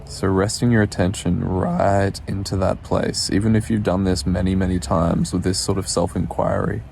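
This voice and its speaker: A man guides a meditation in a low, mellow, steady voice with a gravelly fry. He's soothing and unhurried, leaving pauses between gentle instructions, over slight background noise.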